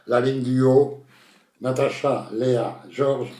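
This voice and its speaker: A man's voice: mid-range voice, fairly even intonation, slow, dark tone. Man hosting a comic quiz in an echoey room. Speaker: quiz show host. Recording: roomy echo.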